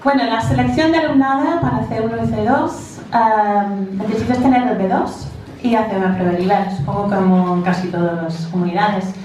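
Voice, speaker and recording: In a very reverberant room, a woman speaks away from the mic with a soft-edged, mellow tone. She has an English speaker's accent in Spanish and presents informally, pausing to find words, with faint noise underneath. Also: mid-range voice, steady tone, distant mic. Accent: English-speaking, non-native Spanish. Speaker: English teacher presenting at a conference. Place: large echoey indoor room.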